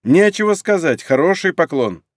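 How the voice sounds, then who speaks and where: A fierce farm wife shouts and threatens in a raised voice, played by a man reading. Her words come hard and loud. The recording is dry and close. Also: high-pitched, sing-song, moderate pace, dry recording. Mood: furious. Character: tall strong farm wife, furious and fierce.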